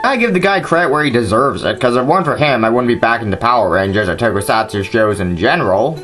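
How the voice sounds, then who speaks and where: A man's voice: mid-range voice, expressive, quick pace, a bit bright, faint music behind. A man hosting a scripted video commentary, arguing his points in an informal way. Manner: argumentative, informal. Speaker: host of a nitpicking response video.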